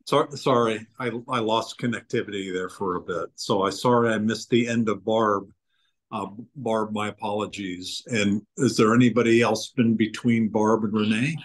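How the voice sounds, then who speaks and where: A man with a lowish voice hosts an online networking call. He welcomes each member in a friendly way, pausing on fillers as he goes. The sound comes through a video call. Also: fairly even intonation, low-quality recording. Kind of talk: online meeting chat.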